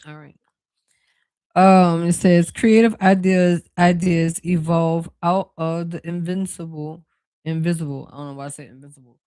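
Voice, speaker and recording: The voice is medium-pitched, clear, and resonant with a darkish tone, fairly even intonation, and a moderate pace, on a dry recording. An intuitive card reader delivers a casual, rambling spiritual reading packed with fillers, calling viewers "y'all" and wandering into side remarks and laughter.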